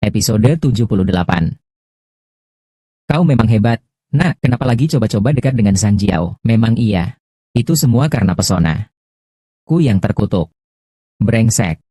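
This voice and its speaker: A man reading all the dialogue of a dubbed drama, voicing every character in one steady, quick delivery. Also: fairly low pitch, no room sound, studio quality. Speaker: voice-over reader of a dubbed drama. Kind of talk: fast scripted dialogue dub read in one voice.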